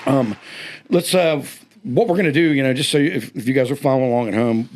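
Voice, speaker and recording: A man's voice: mid-range voice, fast talker, darkish tone, a faint crowd, slight background noise. A man hosting a casual talk show, playful and hyping up a guessing segment. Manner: playful, hypes up a game segment. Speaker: host.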